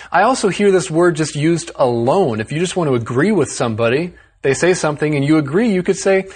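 A man hosting an English lesson, explaining words with a clear, upbeat teacher delivery. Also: on the high side. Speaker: host. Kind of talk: explaining vocabulary to learners.

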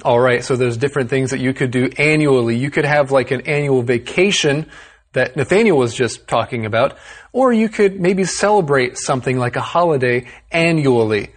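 A man hosting an English lesson, explaining words with a clear, upbeat teacher delivery. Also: medium pitch, lively intonation, moderate pace. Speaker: host. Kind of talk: explaining vocabulary to learners.

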